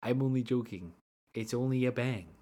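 A man's voice: fairly high pitch, measured pace. A man voicing a smug young male prank vlogger who delivers cocky pickup lines. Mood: pushy.

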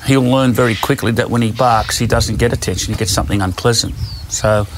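A man's voice: medium pitch, a little fast, music in the background. A man, a dog trainer explaining his methods in a plain, down-to-earth way while working outdoors. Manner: down-to-earth, storytelling with acted-out quotes.

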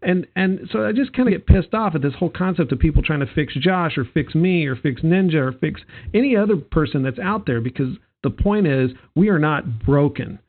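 A man's voice: fairly high pitch, lively intonation, brisk, few pauses. A man co-hosting a casual chat podcast, rambling and joking, often restarting his sentences. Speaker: podcast co-host. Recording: tinny phone-like sound.

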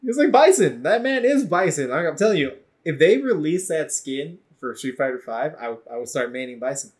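A man's voice: on the high side, sing-song, brisk. A man co-hosting a casual podcast, laughing often and swearing freely as he talks. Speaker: podcast co-host. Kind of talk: casual chat.

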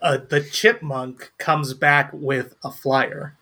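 A man narrating a tabletop role-playing game as game master, playful and quick to laugh. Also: on the high side, fairly even intonation, pushed and bright.

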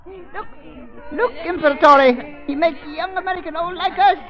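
An actor playing a fawning, grotesque aged henchman with broken in a 1930s radio melodrama. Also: very high voice. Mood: eager, fawning. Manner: slow drawn-out fawning broken English. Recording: muffled old radio recording.

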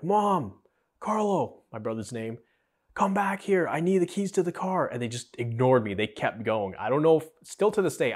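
A young man hosting a podcast, telling his own story in an earnest, conversational way and acting out the dialogue. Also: medium pitch. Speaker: podcast host. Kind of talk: personal storytelling.

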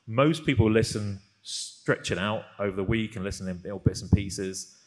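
Low-voiced chatty host. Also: male voice, normal speed, darkish tone. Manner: chatty, self-mocking, many fillers. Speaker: podcast host. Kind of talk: live podcast chat before an audience.

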